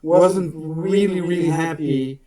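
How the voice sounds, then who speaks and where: A Portuguese man, a native Portuguese speaker with a matching accent, gives a friendly, self-deprecating guest presentation online and laughs easily. His voice is a little high, slow and warm, recorded at a distance from the mic in an echoey room.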